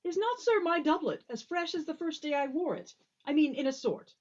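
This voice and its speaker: A woman's voice: sits high, expressive, a little fast. A woman playing an earnest, long-winded, optimistic old courtier in a Shakespearean drama, on slightly dull audio. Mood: earnest, cheerful. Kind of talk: Shakespearean stage drama performance.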